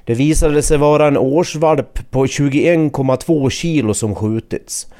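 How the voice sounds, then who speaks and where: A man reporting the news in a measured, scripted narration. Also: medium pitch, warm tone.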